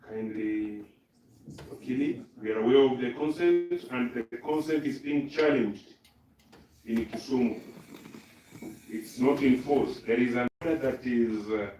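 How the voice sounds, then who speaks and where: A man's voice: medium pitch, a little slow, warm tone. A Kenyan man presiding over an assembly as its speaker, sternly calling for order in a raised, commanding voice with formal procedural phrasing. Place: legislative assembly chamber. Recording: very echoey chamber, distant mic, faint noise.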